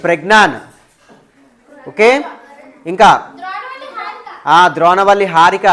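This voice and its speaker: A woman's voice: on the low side, noisy background. A woman teacher taking a live class of students through an exam paper. She mixes in English terms and keeps checking with them.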